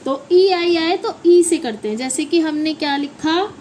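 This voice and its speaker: A woman's voice: high-pitched, a little slow, a little mellow, a little hiss or hum, rough recording. A woman with an Indian accent, a native Hindi speaker, teaches English phonics to children, spelling words out letter by letter and asking the class to repeat them.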